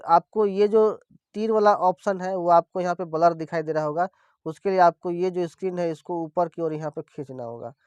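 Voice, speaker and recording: A man with a high, smooth, clear voice talks through an app on screen, one step at a time, repeating himself as he points to each part. The sound is dry and somewhat dull, like a basic lo-fi voice-over. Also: no room sound. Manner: explains step by step, repeats "here" constantly. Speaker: crypto tutorial presenter. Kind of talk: screen-recorded app walkthrough.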